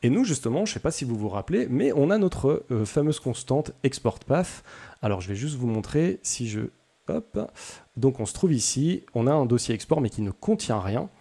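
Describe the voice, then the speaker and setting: A man's voice: medium pitch, very animated, moderate pace, gravelly, warm tone, breathy edge. A young man hosting a casual coding tutorial, chatty and self-deprecating, with many hesitations.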